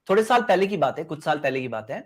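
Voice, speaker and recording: Insistent high-voiced man debating. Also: big pitch swings, husky. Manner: insistent, repeats rhetorical questions. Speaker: debate host. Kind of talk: heated live debate.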